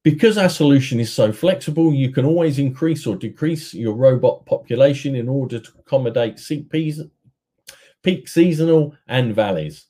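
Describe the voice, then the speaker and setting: Mellow-voiced man giving a sales talk. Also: normal speed. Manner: steady, rehearsed sales pitch. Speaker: business development manager. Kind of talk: conference presentation. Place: indoor room, webcam inset.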